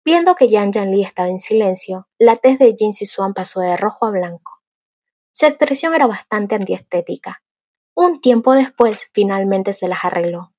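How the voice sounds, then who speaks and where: A woman narrating an audiobook of a fantasy novel in a steady, even storytelling manner. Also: medium pitch, normal speed, slightly rough, dry recording, clean studio sound.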